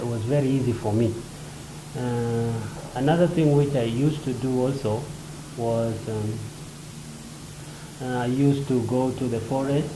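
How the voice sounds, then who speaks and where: Man from South Sudan, halting first-person interpreter, echoey and noisy. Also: medium pitch. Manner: halting, many fillers and pauses, short phrases. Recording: roomy echo with ambient noise.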